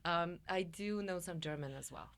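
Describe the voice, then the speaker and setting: A woman's voice: fairly low pitch, normal speed, fairly bright tone. A middle-aged woman from Poland with a Polish accent, a guest talking expressively in an interview and laughing often. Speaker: guest, coach and musician. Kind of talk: interview conversation.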